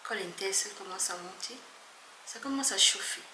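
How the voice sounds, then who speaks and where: A woman vlogger talking earnestly to her viewers, emphatic and often soft and hushed. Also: mid-range voice, normal speed. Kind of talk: earnest talk to camera. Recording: echoey room with faint background noise.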